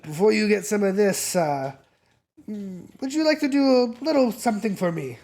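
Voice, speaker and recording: A shady human dealer lounging in the back of a club, eager and pushy, wheedling a favor out of a stranger, as a game master puts him on. The voice sits well above the narrator's own and comes out loud and keyed up. It belongs to a homebrew tabletop game. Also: mid-range voice, lively intonation, moderate pace, pitched above the performer's own voice, lightly acted.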